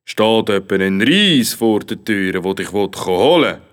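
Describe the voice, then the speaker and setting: A man's voice: fairly low pitch, expressive, a little slow, smooth. A man voicing a stern old king with a Swiss German accent, grave and commanding.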